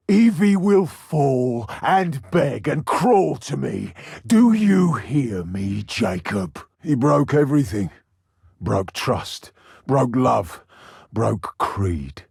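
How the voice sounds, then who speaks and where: An actor playing a deranged, sadistic Victorian serial killer in a video game, with a gravelly, husky British voice and a theatrical, taunting delivery. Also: male voice, lowish voice, no echo, studio quality, heavily acted. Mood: anguished rage. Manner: theatrical, taunting, drawn-out menace.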